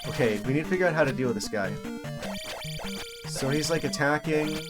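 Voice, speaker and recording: A man giving casual live commentary as a game streamer, thinking aloud in a halting way. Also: fairly high pitch, expressive. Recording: video game music behind voice. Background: video game music.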